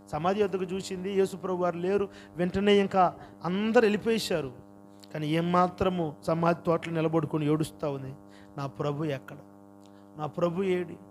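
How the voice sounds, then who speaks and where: High-voiced man preaching with fervor. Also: slight background noise. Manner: impassioned preaching, swings from quiet to loud cries. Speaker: pastor. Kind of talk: sermon.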